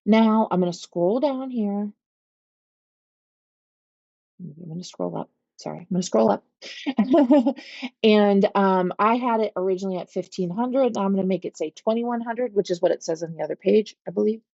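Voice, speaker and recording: A Pittsburgh-accented woman leads a calm, step-by-step software walkthrough for agents, often pausing to ask "okay?" Her voice is mellow and dark. The recording is dry and a little dull, like a computer mic. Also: medium pitch, gravelly, no room sound. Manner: patient, step-by-step, checks in with "okay?". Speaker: real estate trainer. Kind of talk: screen-share software walkthrough. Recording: slightly dull, lo-fi audio.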